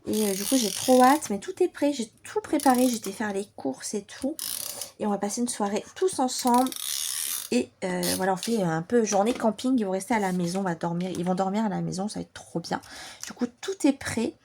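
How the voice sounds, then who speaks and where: A French woman chats enthusiastically through a casual vlog, her voice dark and slightly hoarse from a lingering bronchitis. She fills her talk with little hesitations and warm exclamations. A faint background hiss sits under the recording. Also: mid-range voice, brisk. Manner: chatty, enthusiastic, many fillers. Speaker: adult coloring vlogger.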